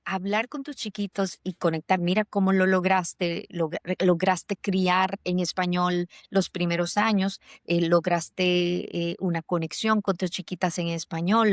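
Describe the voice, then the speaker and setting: Recorded at studio quality with no room sound, a fairly low-pitched woman hosts a chatty podcast from Germany. She reflects aloud, restarting sentences and leaning on many fillers.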